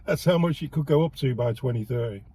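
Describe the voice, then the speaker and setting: A British man hosts a casual political chat, getting heated and sarcastic as he tears into the day's news. His voice is mellow and relaxed in tone, and he trips over and repeats his words in his hurry to make a point. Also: medium pitch, normal speed, slightly rough. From United Kingdom. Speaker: host.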